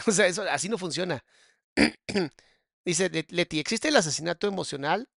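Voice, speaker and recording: A man's voice: high-pitched, expressive, moderate pace, vocal fry, a bit bright, no room sound, studio quality. A man, a psychologist, commenting casually on a clip and answering viewer questions in a familiar, affectionate way. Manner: casual, calls listener mi amor and bebé. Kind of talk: reaction commentary.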